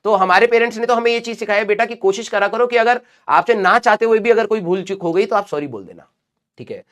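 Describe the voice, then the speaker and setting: A male teacher who is unwell and talks slowly, lecturing and scolding his students in a live class with a Hindi accent. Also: sits high, fairly bright tone. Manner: scolding and advising students, addresses them as beta.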